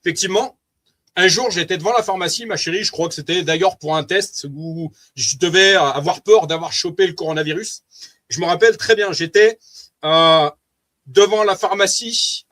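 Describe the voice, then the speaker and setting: High-voiced earnest French man testifying. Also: moderate pace, fairly bright tone. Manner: earnest, preachy, addresses his wife as "ma chérie" often. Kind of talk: casual spoken testimony, reading and commenting aloud.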